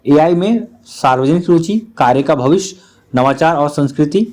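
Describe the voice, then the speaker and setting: A man's voice: fairly high pitch, animated, moderate pace, a little mellow. A man teaching a current affairs lesson for exam students, talking straight to the viewer and leaning on repeated filler phrases. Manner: repetitive filler phrases, addresses the viewer directly.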